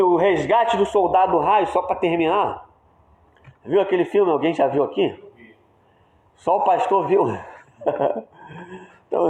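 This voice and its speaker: A man preaching a sermon at a prayer service with a Brazilian Portuguese accent, lively and questioning his congregation. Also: high-pitched. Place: church hall. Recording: echoey church room.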